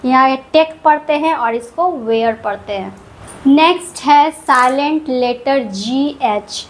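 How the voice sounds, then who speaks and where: Slow, high-voiced woman teaching. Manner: slow, repeats example words deliberately. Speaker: English teacher. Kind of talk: explaining pronunciation rules.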